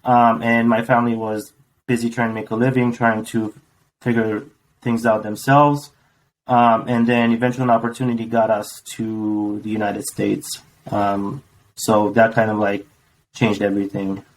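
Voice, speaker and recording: A man in his forties from Romania, a podcast guest answering thoughtfully, with many pauses and ums. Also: on the low side, little pitch movement, rough recording. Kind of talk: casual interview.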